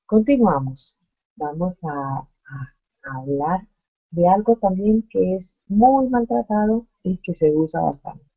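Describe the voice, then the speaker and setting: A woman teaching a grammar lesson at a slow, careful pace. Her voice is soft and breathy. The audio is dull and lo-fi. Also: fairly low pitch, lively intonation. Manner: slow, deliberate explaining with spoken examples. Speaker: Spanish teacher.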